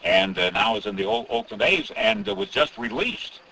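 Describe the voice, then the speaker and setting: Rambling, bright-voiced radio host. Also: male voice, on the low side, big pitch swings, normal speed, slight background noise, low-quality recording. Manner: rambling, many fillers and restarts. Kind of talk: casual radio interview.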